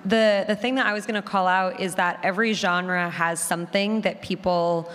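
An audio drama producer speaks as a panelist at a live conference, her lowish, steady, slightly bright voice echoing in a reverberant hall. At a moderate pace, she talks conversationally and enthusiastically, stressing words by repeating them.

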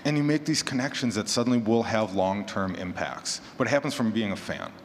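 This panelist, a horror fiction podcaster, has a lowish voice and talks a little fast. At the convention he addresses the audience casually, with an encouraging, conversational manner. His voice echoes through the large hall, and background noise is clear.

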